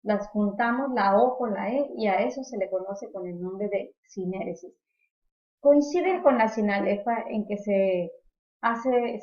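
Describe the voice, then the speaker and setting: A woman teacher explaining poetic devices and verse types in a lecture, often repeating a word while she finds the next one. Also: medium pitch. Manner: explanatory, repeats words while searching for them. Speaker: literature teacher. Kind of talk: recorded lecture on poetry. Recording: echoey room, slightly dull sound.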